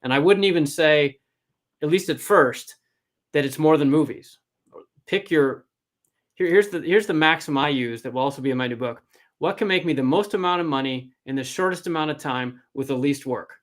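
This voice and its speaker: A man's voice: a little high, moderate pace. A man giving informal, blunt and emphatic advice as an angel investor coaching a founder, often checking in with "right?".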